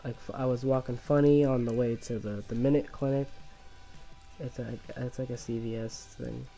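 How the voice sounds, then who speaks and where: Chatting casually over his own gameplay, a man with a mellow, gravelly voice of medium pitch and steady tone sounds a little worn from illness and a lingering cough. His speech is halting, full of fillers and restarts, and he laughs at himself often. Faint game music plays quietly behind him.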